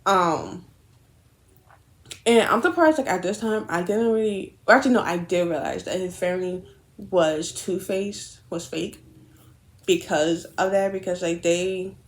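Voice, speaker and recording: A woman's voice: on the low side, a little slow. A young woman vlogger chatting casually as she does her makeup, telling a long story full of fillers, quoted back-and-forth and blunt swearing. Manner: rambling, frequent fillers and quoted dialogue.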